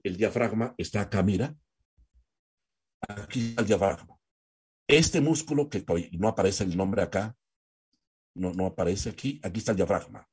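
Husky, lively male voice coach. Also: fairly low pitch. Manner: animated, demonstrative, with sung-out vowels. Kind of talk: lecture on voice technique.

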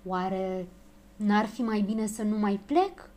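A woman's voice: mid-range voice, darkish tone, natural voice. A woman reading aloud, voicing a fussy, obliging little male dwarf who talks politely and frets. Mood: fretful. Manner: polite, fretful and self-effacing.

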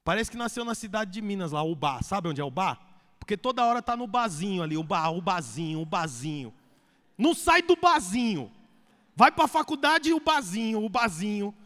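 A man preaching a sermon as pastor, swinging between loud and hushed delivery. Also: high-pitched, sing-song, normal speed. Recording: echoey hall reverb.

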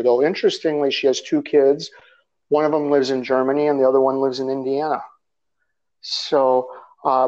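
Here the Russian guest author's voice sits at a medium pitch and sounds a little mellow. Recorded in slightly muffled lo-fi quality, he chats through his background in a meandering interview, using fillers and laughing lightly.

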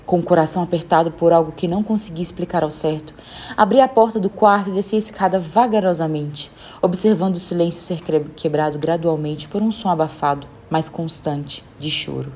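A woman narrating a story in the first person, reading it aloud with lively voiced dialogue. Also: fairly low pitch, brisk, a little hiss or hum.

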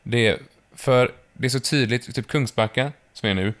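A man's voice: mid-range voice, a bit bright. A man from southern Sweden with a Scanian accent, co-hosting a casual podcast and rambling and correcting himself as he talks. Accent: Scanian Swedish. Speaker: podcast co-host.

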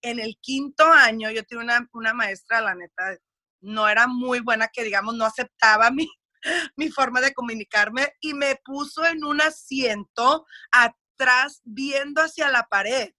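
Mujer expresiva con acento mexicano. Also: female voice, on the high side, measured pace, no echo. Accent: Mexican Spanish. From United States. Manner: expressive and talkative, mixing in English words; candid, speaks of her faith. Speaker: guest. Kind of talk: casual interview chat.

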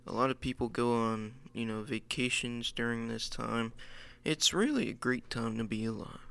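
A man's voice: medium pitch, moderate pace, vocal fry, fairly bright tone, clear, resonant tone. A man co-hosting a podcast in upbeat casual chat. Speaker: podcast co-host.

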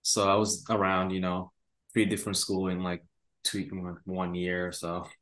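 Low-voiced young man, hesitant. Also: little pitch movement, normal speed, fairly bright tone. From Rwanda. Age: young adult. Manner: hesitant, many "uh" and "like" fillers. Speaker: guest, university student. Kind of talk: casual interview answers.

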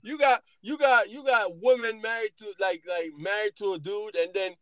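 Animated young man, slangy casual chat. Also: sits high, moderate pace, no echo. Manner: animated, slangy, says bro a lot.

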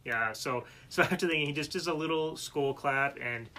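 A man's voice: a little high, moderate pace, sharp tone, a little hiss or hum. A man co-hosting a casual podcast chat, rambling through a story with lots of fillers. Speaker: podcast co-host.

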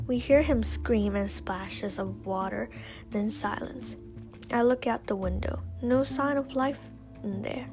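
Brief: woman storyteller, slow and unhurried, slightly high, slips into whispers. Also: a little mellow, soft background music. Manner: slow, often dropping to a whisper. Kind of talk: first-person story reading.

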